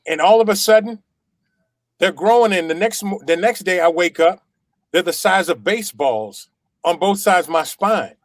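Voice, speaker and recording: A middle-aged man giving an animated personal testimony, repeating himself for effect and acting out the dialogue. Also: high voice, moderate pace, no echo, studio quality. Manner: animated, repetitive storyteller; acts out quoted dialogue. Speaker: testimonial guest. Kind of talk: personal storytelling.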